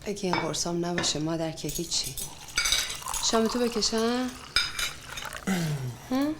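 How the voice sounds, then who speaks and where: A woman's voice: on the low side, lively intonation, heavy background noise, lightly acted. An actress playing a worried middle-aged mother who pleads and defends herself in a film drama. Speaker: mother and wife. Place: home interior.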